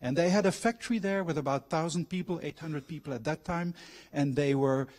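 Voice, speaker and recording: In a university lecture hall, a guest lecturer speaks in a voice on the high side with a darkish tone. He is a middle-aged Belgian raised abroad, once a factory manager and now a trained coach, and he mixes personal anecdotes with questions to draw in his audience.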